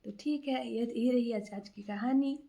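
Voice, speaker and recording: A woman's voice: fairly high pitch, unhurried, gravelly, dark tone. A woman casually telling a moral story aloud, unscripted, with frequent fillers and restarts.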